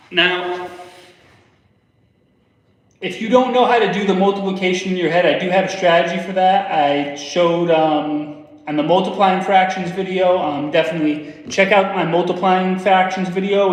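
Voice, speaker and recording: A young man giving a casual, step-by-step math lesson on a livestream, repeating himself as he explains. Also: sits high. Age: young adult. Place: indoor room with whiteboard in a public library. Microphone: phone camera a step away. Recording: echoey room, distant microphone.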